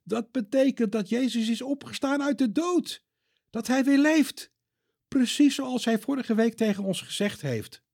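A man voicing a kind, calm young man in a storybook reading, speaking gently and slowly. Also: medium pitch, husky, no room sound, clean studio sound. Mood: overjoyed.

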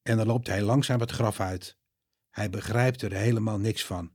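A man reading a children's Bible story aloud with expressive, dramatic delivery. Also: lowish voice, breathy edge, dry recording, studio quality. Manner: lively, expressive, dramatic pauses.

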